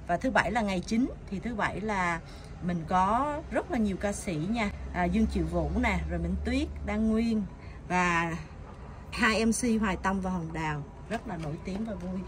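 Outside a building's glass entrance, a middle-aged vlogger enthusiastically promotes a community event in a casual video. Her voice is mid-range and her pace moderate, captured with noisy outdoor camera audio.

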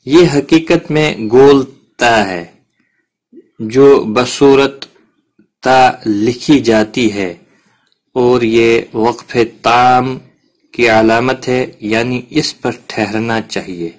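Male Quran tutor, patient explanatory delivery, mid pitch. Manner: patient, explains step by step with examples. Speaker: Quran tajweed teacher. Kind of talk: explanatory lesson.

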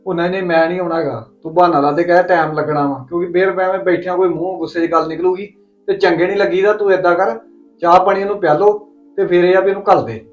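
A man's voice: sits high, steady tone, fast, lo-fi sound, soft background music. A man with a Punjabi accent playing a stubborn husband speaking over the phone in a family drama, grumbling.

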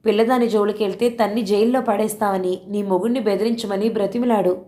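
A woman voicing a calm, middle-aged woman officer who gives advice in a measured way. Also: medium pitch, lightly acted. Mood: advising.

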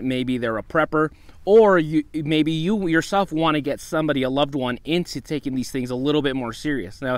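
A man's voice: on the high side, clear, resonant tone, no room sound. A young man hosting an outdoor vlog in the desert, talking casually about gear and often saying "once again" and "you know". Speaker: outdoor channel host.

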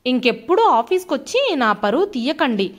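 A woman's voice: sits high, big pitch swings, normal speed. Brief: angry, snobbish young son, harsh and scornful, woman reading him. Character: arrogant, angry young office-worker son.

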